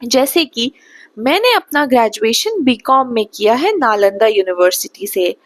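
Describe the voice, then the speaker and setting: A young woman from Bihar gives a spoken English lesson in a slightly high voice. She talks slowly and patiently, with a lively rise and fall, and stops often to check that the listener follows. The sound is close and dry. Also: dry recording. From Bihar, India. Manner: slow, patient teaching, checks understanding often. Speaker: English tutor.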